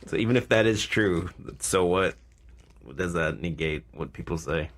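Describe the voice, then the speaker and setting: A man with a low voice that sits in vocal fry. He co-hosts a casual podcast and rambles through his opinions, often circling back over his phrases. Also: expressive, moderate pace, fairly bright tone. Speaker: podcast co-host.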